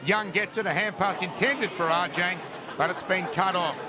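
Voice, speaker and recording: With a crowd at an outdoor ground audible behind him, an Australian male commentator describes the live football action as it unfolds. His voice is high and his pace is normal.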